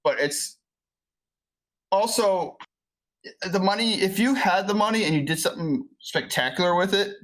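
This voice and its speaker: A man co-hosting a podcast, sleepy and yawning, answering in quick casual agreement. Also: sits high, a bit bright, rough recording. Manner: quick, agreeable, short backchannels. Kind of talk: casual chat.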